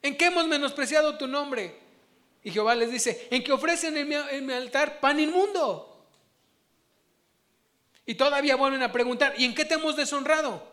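Male preacher, high pitched, animated, questioning the congregation. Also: moderate pace, long pauses. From Mexico. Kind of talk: sermon.

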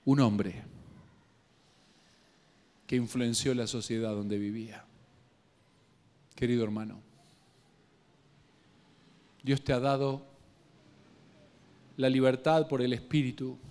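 A man with a Guatemalan Spanish accent preaching a sermon, telling a Bible story with local slang and humor, moving between hushed reading and louder bursts. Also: medium pitch, steady tone, slow pace, pauses often.

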